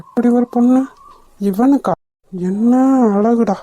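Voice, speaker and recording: A woman's voice: fairly high pitch, slow, heavy background noise. A woman voicing a sneering, leering spoiled young man in a cartoon. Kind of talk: cartoon dubbing.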